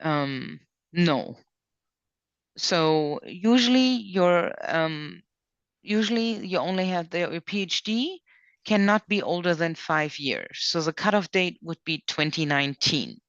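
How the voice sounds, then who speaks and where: A woman with a fairly low, expressive voice speaks slowly as she hosts an informal online question session, reading out questions and walking through the rules step by step. It's an online video call with dull audio and no echo.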